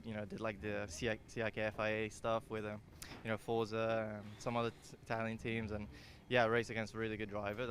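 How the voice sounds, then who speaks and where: Low-voiced young driver from Singapore. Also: male voice, a bit bright, a little hiss or hum. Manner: easygoing, filler-heavy with many you-knows. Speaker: racing driver interviewee. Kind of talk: casual interview.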